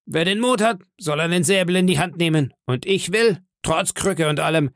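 A man's voice: a little high, normal speed, no echo, studio quality, pitched above the performer's own voice, natural voice. A man reading an audiobook, voicing an old one-legged male pirate captain who bellows threats with swagger. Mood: threatening.

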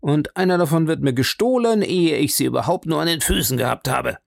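An outspoken young baronet, plain-spoken and a little impatient, as a male audiobook reader voices him. He talks in a casual, colloquial way with a gravelly edge. The recording is dry and close. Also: a little high, animated, a little fast, dry recording, pitched above the performer's own voice. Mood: complaining.

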